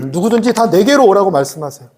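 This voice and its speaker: Lively preaching pastor, mellow voice. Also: male voice, high-pitched, moderate pace, a little hiss or hum. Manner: lively, chatty preaching with playful voiced asides and laughs. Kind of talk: sermon. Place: church sanctuary.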